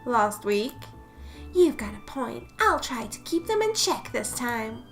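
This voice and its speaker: A woman voicing a lazy, gruff male cowboy detective, reading his lines with a low drawl. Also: big pitch swings, slow pace, soft background music, exaggerated voice.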